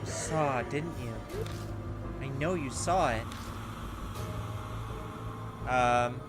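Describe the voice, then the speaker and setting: A gaming video host talks extremely slowly in a medium-pitched voice, giving casual, chatty commentary on a video game. He reads the game's text aloud and answers back to it, with the game's music playing behind him.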